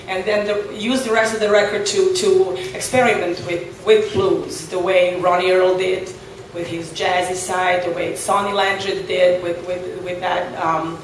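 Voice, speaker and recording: A Serbian blues guitarist, speaking English as a second language with a Serbian accent, thoughtfully answers interview questions on a boat, full of fillers and restarts. His medium-pitched voice is level and measured, heard echoey and distant from the mic with faint noise.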